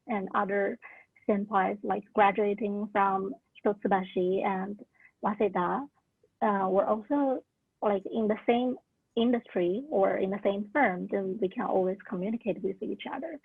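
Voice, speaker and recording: Over a tinny, narrow video call, a twenty-something woman, not an English speaker, gives sincere career advice during a casual virtual orientation, using many "like" and "uh" fillers. She has a slightly rough, mid-range voice, and the recording is dry.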